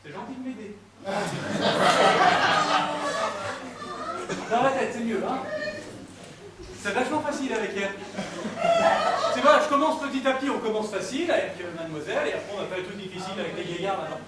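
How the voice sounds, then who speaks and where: High-voiced man on an echoey stage. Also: fast talker, very noisy. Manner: playful, teasing, joking with volunteers. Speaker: stage mentalist. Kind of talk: live stage performance with audience banter. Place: theater stage before an audience. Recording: echoey hall recorded from far off, with crowd ambience.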